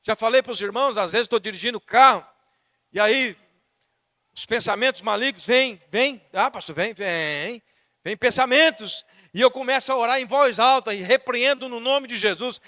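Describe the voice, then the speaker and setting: A man with a Brazilian Portuguese accent preaching a sermon as pastor, fervent and swinging between soft talk and shouting. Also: extremely high pitch, moderate pace, dry recording.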